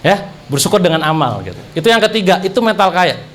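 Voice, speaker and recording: Brief: young man, high voice, animated storytelling speaker at a religious talk, joking straight at the audience. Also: quick pace. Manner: animated, jokey, addresses audience directly.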